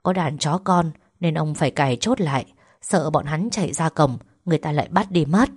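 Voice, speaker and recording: A woman doing a gruff old village herbalist. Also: low-pitched, fairly quick, a little mellow, dry recording, clean studio sound. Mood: gruff kindly. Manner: blunt, grandfatherly.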